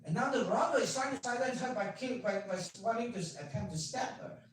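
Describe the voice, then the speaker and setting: A male doctor tells a patient's story with animated delivery, dropping quiet for the key points. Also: extremely high pitch, quick pace. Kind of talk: storytelling talk. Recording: echoey, distant, faint hum.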